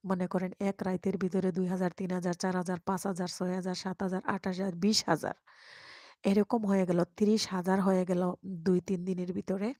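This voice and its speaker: A woman hosting a casual live stream, speaking very softly and at times whispering as she reads and answers viewer comments. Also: lowish voice, dry recording, clean studio sound. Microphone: microphone.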